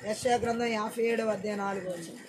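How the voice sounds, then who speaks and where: A preacher delivering a church sermon, repeating phrases and urging the congregation to say amen loudly. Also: medium pitch, fairly even intonation, fast talker, noisy background. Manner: repeats lines and calls for loud amens.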